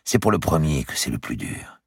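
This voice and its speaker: In an audiobook character reading, a man with a bass voice pushes it up into an exaggerated, animated, breathy delivery at a moderate pace. He voices a firm, protective older noblewoman urgently coaxing a grieving girl, with clean, studio-quality, echo-free sound.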